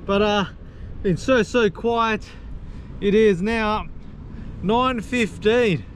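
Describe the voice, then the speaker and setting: Fishing from a rock breakwall by the sea, a male fishing vlogger narrates casually to camera in an upbeat, chatty way, calling his viewers guys and homies. His voice is high and he speaks very slowly. Wind buffets the mic, and wind and water noise fill the background.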